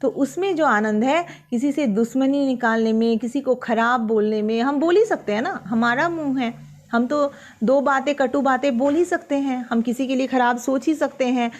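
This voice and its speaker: A Hindi teacher, a woman with a high-sitting voice, takes school students through a poem, reading the lines slowly before explaining them in simple words.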